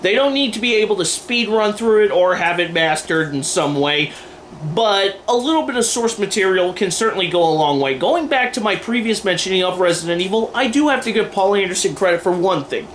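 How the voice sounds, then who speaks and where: With lively intonation and a brisk pace, a high-pitched, a-bit-bright man gives emphatic, sardonic video commentary laced with crude humour, largely scripted in style with ad-libs thrown in. The homemade camera recording, made indoors in front of a TV that's on, picks up clear background noise.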